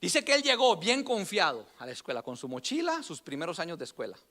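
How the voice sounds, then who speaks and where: A man preaching a storytelling sermon in church, acting out quoted voices with shouts and laughs. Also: high-pitched, wildly swooping pitch, fast talker.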